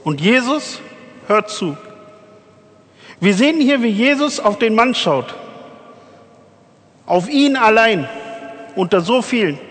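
A man's voice: high voice, big pitch swings, takes it slowly, long pauses, fairly bright tone, big-room sound. A man preaching a sermon in an earnest way, speaking directly to his listeners.

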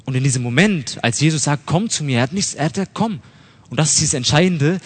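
A man's voice: a little high, fast talker, breathy edge. A young man preaching a casual, conversational sermon, using slang and acting out people's thoughts. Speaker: lay preacher. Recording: long hall reverb.

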